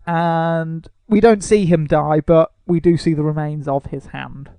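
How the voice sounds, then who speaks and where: Male podcast co-host, gravelly, teasing, dry studio sound. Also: fairly high pitch, steady tone, a little slow, dark tone, no echo. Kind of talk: casual comedic chat.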